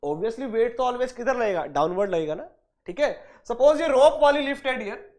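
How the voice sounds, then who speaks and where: A man's voice: extremely high pitch, animated, normal speed, darkish tone. A man teaching an engineering exam-prep class. He asks questions and answers them himself, repeats points, calls students dear and brother, and mixes in English technical terms. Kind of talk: online lecture.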